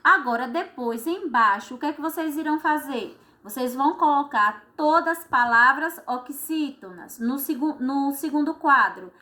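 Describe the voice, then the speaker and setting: A woman's voice: high-pitched, lively intonation, bright, forceful tone. A woman teacher, patiently walking children through textbook exercises step by step. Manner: slow, patient, step-by-step, frequent "certo?".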